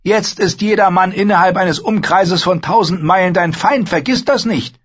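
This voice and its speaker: A man reading an audiobook, voicing a sharp-tongued, mocking young noblewoman who lectures her brother. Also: high-pitched, moderate pace, slightly rough, lo-fi sound, voice pushed up. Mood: scornful. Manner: scornful, lecturing, needling. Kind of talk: audiobook character voice.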